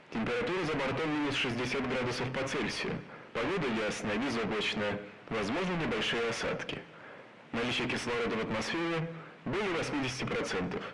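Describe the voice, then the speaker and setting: A charismatic starship captain makes a formal announcement over the ship's loudspeakers, dry jokes slipped in, as a man puts on the voice. His voice is distorted and sounds set back from the listener, as the speaker system would carry it. Music plays clearly under the speech. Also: medium pitch. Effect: distorted voice over ship loudspeakers. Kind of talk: audiobook narration with acted voices.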